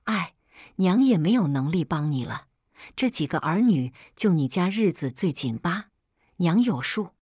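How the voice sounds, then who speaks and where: A woman reading the lines of a gentle, tearful elderly grandmother in a spoken story. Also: on the low side, lively intonation, measured pace, slightly rough, no echo, clean studio sound. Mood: tender. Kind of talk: read-aloud storytelling.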